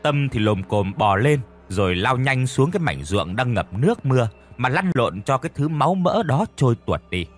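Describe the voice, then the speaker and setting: Male horror-story narrator, husky voice, lively pitch, quiet music underneath. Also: normal speed, hardly any pauses. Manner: vivid, dramatic storytelling.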